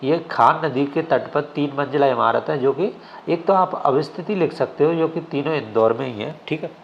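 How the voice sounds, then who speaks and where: A man's voice: on the high side, normal speed, creaky, muffled recording, slight background noise. A male exam coaching teacher giving a classroom lecture. He keeps asking questions and answering them himself, often checking with "ठीक है?".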